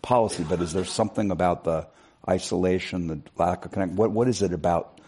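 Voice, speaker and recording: A man interviewing authors, asking deliberate questions with restarts. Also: sits low, a little mellow.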